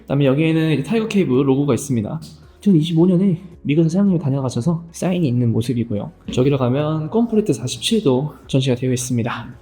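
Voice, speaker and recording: A man hosting a casual vlog, narrating as he walks in and then interviewing a shop owner in a quick, upbeat way. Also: fairly high pitch, animated, dark tone, soft background music. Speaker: YouTube host and interviewer.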